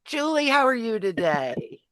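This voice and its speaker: A woman's voice: on the high side, sing-song, measured pace, fairly bright tone, no echo. A woman hosting a live online group chat, encouraging each participant in turn. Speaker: host of a live online collage class.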